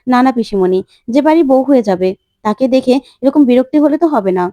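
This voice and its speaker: A resigned young bride-to-be with a quiet, pleading way of talking, put on by a woman narrating. The voice sits high and mellow. It is recorded close and dry. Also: animated, fast talker, dry recording, natural voice. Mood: wistful.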